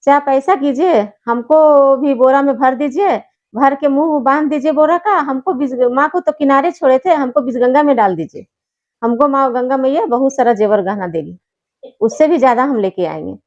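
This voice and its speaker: A woman's voice: sits high, normal speed, a little mellow, lightly acted. A woman doing an eager, greedy young daughter-in-law. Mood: insistent. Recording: slightly muffled recording.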